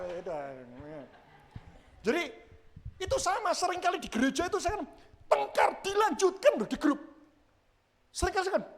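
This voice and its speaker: A man preaching a sermon in church, lively and humorous, acting out quoted lines from everyday life. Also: sits high. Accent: Indonesian. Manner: animated, acts out quoted voices with humor. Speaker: pastor.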